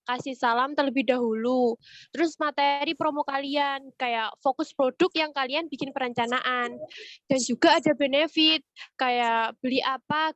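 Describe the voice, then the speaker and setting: Her voice is high and fairly bright as this webinar presenter, sick with a cold and cough, runs a casual retail training session online and frequently checks in with participants. The meeting audio sounds dull and muffled, with no room sound.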